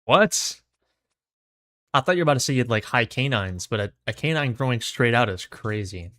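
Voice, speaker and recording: A man's voice: mid-range voice, expressive, moderate pace, pushed and bright, no room sound, studio quality. Casual male streamer, mouth numb from dentist. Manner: laid-back, slangy. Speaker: livestream host. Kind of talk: casual gaming livestream chat.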